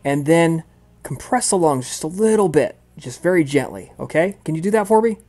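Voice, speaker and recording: A man with a fairly high voice runs a tabletop role-play session as game master. His narration is casual and rambling, full of ums and restarts. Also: expressive, normal speed, mellow. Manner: casual, rambling, many fillers.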